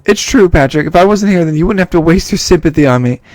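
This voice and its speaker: Man reading a soft, high-voiced fragile teen girl, game dialogue, dry close recording. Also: animated, quick pace, no echo. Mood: despairing. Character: cheerful but fragile teenage girl, gloomy inside.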